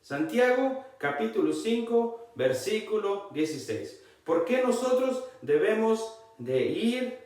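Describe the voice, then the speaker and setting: A man gives a Bible-reading sermon at an unhurried pace, his pitch rising and falling in lively sweeps. He keeps pressing his listeners to pay attention and repeats key lines. The recording is heavily echoey, with the mic set well away from him. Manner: emphatic, often repeating "look" to the listeners; reads scripture aloud slowly. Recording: very echoey, mic far from speaker.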